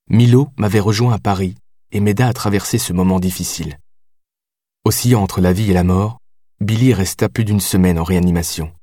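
Low-voiced male audiobook narrator. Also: mellow, dry recording, studio quality.

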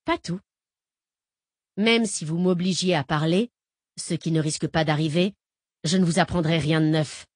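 Woman narrator as cursing male lawyer captive, defiant, lowish dry read. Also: normal speed, long pauses, dry recording. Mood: scornful. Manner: blustering, cursing. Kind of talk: audiobook character reading.

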